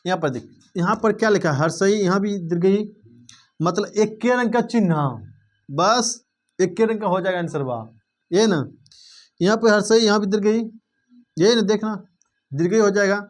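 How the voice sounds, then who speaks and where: A young man teaches a blackboard grammar lesson. His voice sits fairly high, and he talks to the students informally, pausing often to check that they have understood. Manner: informal, addresses students directly with quick check-ins.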